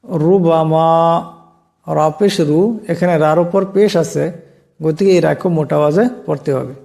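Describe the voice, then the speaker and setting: A man teaching Quran reading in Bengali, explaining slowly and deliberately, stretching out each example word. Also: fairly high pitch, creaky, warm tone. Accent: Bangladeshi Bengali. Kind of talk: Quran recitation lesson.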